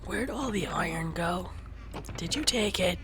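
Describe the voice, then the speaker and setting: A tired young woman chatting while playing a game, teasing her partner and often dropping into soft whispers and little sung bits. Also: on the low side, expressive, a little slow, slight background noise. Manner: teasing and playful, drops to soft whispers, hums little songs. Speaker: streamer. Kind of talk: casual gaming chat.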